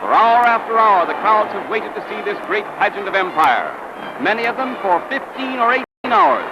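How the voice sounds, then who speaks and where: A man's voice: high voice, very animated, normal speed, highs cut off, noisy background. A man narrating an old newsreel in a grand, declamatory manner. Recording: old newsreel soundtrack with loud music.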